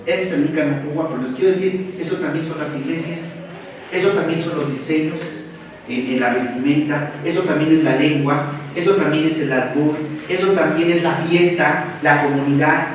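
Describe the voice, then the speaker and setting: A man with a Mexican Spanish accent giving a university seminar lecture, animated, full of rhetorical questions and colloquial asides. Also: on the high side, moderate pace. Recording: echoey room, far from the mic, faint noise.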